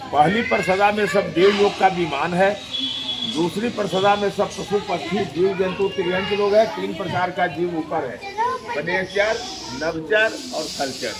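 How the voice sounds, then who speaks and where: A temple priest explaining religious history and lore in a steady, recited flow. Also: male voice, sits high. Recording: noisy outdoor background.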